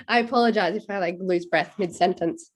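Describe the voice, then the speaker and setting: A woman's voice: fairly low pitch, moderate pace. A middle-aged woman speaking as a student panelist on a video call, earnest and direct, congested and a little short of breath. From Australia. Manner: earnest, direct, challenging the audience. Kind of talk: virtual panel remarks.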